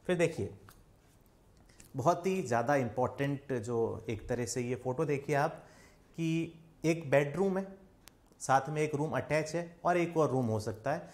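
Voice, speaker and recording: A man's voice: mid-range voice, unhurried, darkish tone. A young man from India with an Indian accent, teaching an online spoken English lesson and quizzing viewers with repeated questions.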